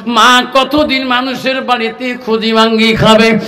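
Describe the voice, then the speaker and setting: A man's voice: extremely high pitch, flat delivery, a little slow, pushed and bright, big-room sound, soft background music. A male preacher telling a sermon story in a half-sung, tearful chant and acting out each figure in it.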